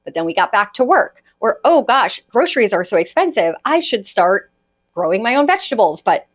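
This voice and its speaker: A woman in her late thirties talks through a solo podcast episode in a chatty, confiding tone. Her voice swoops up and down with animated, lively intonation. She keeps pulling her listeners in with little "right?" asides. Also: medium pitch, fairly quick. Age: 30s. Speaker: podcast host and holistic health coach.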